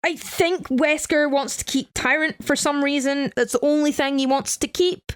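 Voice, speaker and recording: A woman co-hosting a podcast, speaking in an animated, sarcastic way and swearing freely. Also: high voice, normal speed, dry recording, studio quality. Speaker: podcast co-host. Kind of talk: casual chat.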